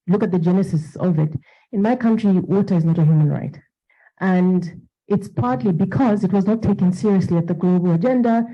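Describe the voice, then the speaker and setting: A woman's voice: fairly low pitch, lo-fi sound. A woman from Zambia, an advocate speaking earnestly from the floor at a panel. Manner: earnest, with fillers and repeated words. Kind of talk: impassioned comment at a panel.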